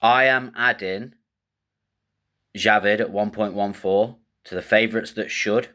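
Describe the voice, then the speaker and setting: A man's voice: fairly low pitch, steady tone, unhurried, bright, forceful tone. A man hosting a casual fight-betting show, thinking aloud in a rambling, slangy way with casual swearing.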